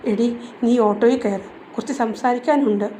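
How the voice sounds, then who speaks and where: A woman's voice: on the high side, moderate pace, warm tone, slight background noise, close to an everyday voice, rough recording. A woman voicing a bitter grieving older mother. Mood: bitter accusing. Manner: bitter, accusing.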